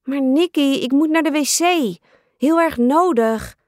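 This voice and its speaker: A woman's voice: high voice, measured pace, darkish tone, no room sound, studio quality, voice pushed up. A woman voicing a pushy, whiny little girl who pesters her older sister. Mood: pleading. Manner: whiny, pleading.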